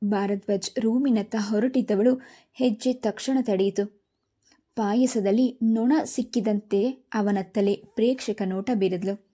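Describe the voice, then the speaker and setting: A woman's voice: mid-range voice, steady tone, unhurried, dark tone. A woman steadily reading a novel aloud in episodes as a storyteller.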